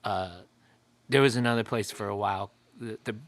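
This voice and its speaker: A podcast host from Florida, in the United States, chats casually in an interview, rambling and stumbling over his words. His voice is lowish with fairly even intonation and a slightly fast pace, and the recording is dry.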